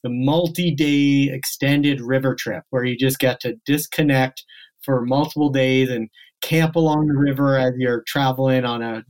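Man in his thirties, podcast guest, earnest conversational answers, mid pitch. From born in South Africa, grew up near Boston. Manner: earnest, with small restarts. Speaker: podcast guest, outdoor camp CEO.

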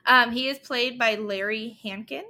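A woman with a fairly high, bright voice and a crisp edge to it, talking through a story in an easygoing podcast chat. She giggles often and fills pauses with ums. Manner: giggly, talks through plot with filler ums. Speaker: podcast co-host. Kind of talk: casual recap chat.

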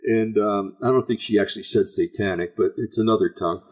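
A man hosts an informal online religious talk in a gravelly, husky voice that sits on the low side. His delivery is folksy and halting, rambling along as he addresses his listeners. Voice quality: raspy, gravelly voice. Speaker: online show host. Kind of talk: informal religious commentary to a live audience.

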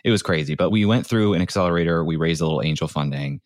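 Deep voiced guy chatting in an interview, pretty informal, says like a lot, really dry close sound. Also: quick pace, dry recording. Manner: informal, peppers speech with "like". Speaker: podcast guest, startup founder turned creator. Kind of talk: conversational interview storytelling.

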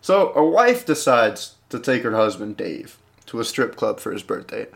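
A man's voice: mid-range voice, sing-song, moderate pace, gravelly. A young man reading jokes aloud and adding casual, giggly, rambling comments. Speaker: joke reader.

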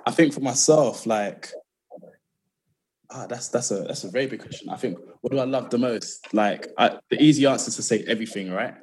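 A man's voice: mid-range voice, fairly quick, a little mellow, breathy edge, poor audio. A man answering as a guest in casual, reflective chat, hesitating as he thinks aloud. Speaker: podcast guest.

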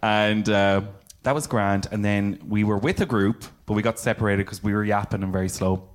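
A man, a guest on a live podcast, tells a story in an animated way, acting out what people said. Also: lowish voice, moderate pace. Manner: animated, acts out quoted lines, laughs often. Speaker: podcast guest, drag performer.

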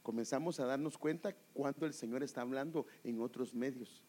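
A man's voice: mid-range voice, a little fast, a little mellow. A man preaching a sermon with emphatic rhetorical questions, often calling his listeners "brother".

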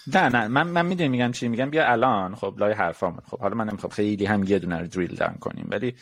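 A man's voice: fairly low pitch, sing-song, no echo. A man co-hosting a casual podcast, explaining his point through made-up example quotes. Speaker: podcast co-host.

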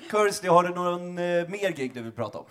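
A man's voice: high-pitched, lively intonation, a bit bright. A man hosting a podcast, asking his guests questions and reacting to their stories. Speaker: podcast host.

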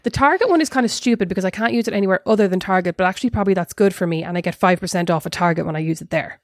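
An Irish woman co-hosts a podcast, chatting casually in a rambling, self-mocking way. Her voice is lowish and racing. The recording is dry with clean studio sound.

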